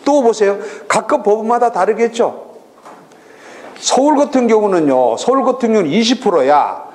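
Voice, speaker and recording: A middle-aged man giving a recorded lecture on real estate auctions, lively and full of rhetorical questions. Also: high voice, normal speed. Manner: lively, rhetorical questions, acts out regional voices.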